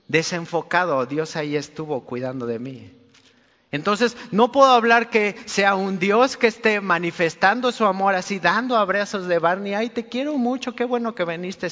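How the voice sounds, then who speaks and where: High-voiced preacher in a reverberant hall. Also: male voice, a bit bright. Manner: colloquial, earnest, addresses listener directly. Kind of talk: conversational sermon. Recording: long reverb, dull lo-fi sound.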